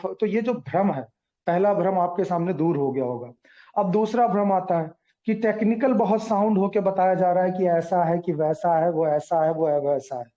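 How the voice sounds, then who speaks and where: Speaking to a community meeting, a man explains his points with earnest, repeated reassurance. His voice is high with a dark, mellow tone, and the recording sounds dull and lo-fi.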